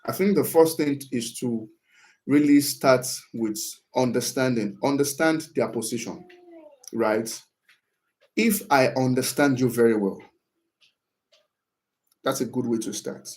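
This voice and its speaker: A man's voice: mid-range voice, measured pace, pauses often, a little mellow. A man talking through how to disagree respectfully in a casual advice talk, often checking in with "right?" and acting out example phrases. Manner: acts out example phrases in a livelier tone. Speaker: speaker on workplace communication.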